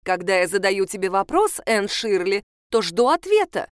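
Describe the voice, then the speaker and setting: A strict older guardian demands answers in a firm, no-nonsense voice, as a woman reader puts her on. The tone is clear and smooth, recorded close with no room sound. She speaks like a stern storybook aunt. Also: medium pitch, sing-song, moderate pace, dry recording, natural voice.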